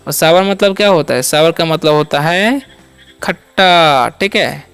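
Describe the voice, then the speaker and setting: A man with a high, smooth, clear voice teaching English vocabulary in a patient classroom manner. He spells out each word, asks what it means and then answers himself, closing each point with a reassuring check-in. Faint music plays underneath. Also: measured pace, fairly bright tone. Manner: repeats each word, asks and answers his own questions. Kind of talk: step-by-step classroom-style lesson.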